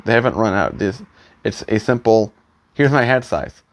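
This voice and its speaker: A man giving a casual, opinionated vlog in a grumbling back-in-my-day rant, halting and correcting himself as he goes. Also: fairly low pitch, no room sound. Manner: halting, self-correcting, trailing delivery. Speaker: hat collector vlogger.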